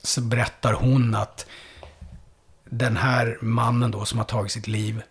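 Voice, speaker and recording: Husky-voiced Swedish police officer recounting. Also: male voice, mid-range voice, flat delivery. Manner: halting, with many fillers and restarts. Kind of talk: recounting a past call-out in a podcast conversation.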